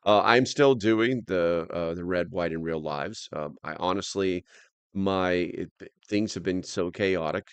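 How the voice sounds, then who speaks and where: A man hosting a casual livestream in a low, calm, unhurried tone, rambling and often restarting his sentences. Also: clean tone, no echo. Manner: rambling, halting, trails off and restarts. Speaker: livestream host. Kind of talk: casual chat with a livestream audience.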